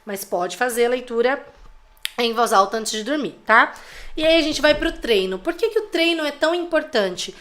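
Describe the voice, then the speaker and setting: A bright, clear-toned Brazilian woman teaches parents on a live stream. She talks in a chatty, teasing way, tosses in quick tag questions, and keeps a friendly, slightly high voice throughout. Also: expressive. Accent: Brazilian Portuguese. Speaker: parenting educator.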